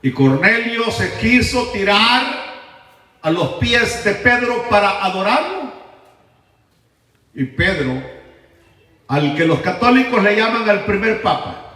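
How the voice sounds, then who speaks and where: Male pastor, bright and animated delivery, dramatic sermon storytelling, echoey church hall, far from the mic. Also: high-pitched, takes it slowly, pauses often. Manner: dramatic storytelling, swings between shouts and hushed asides. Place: church sanctuary.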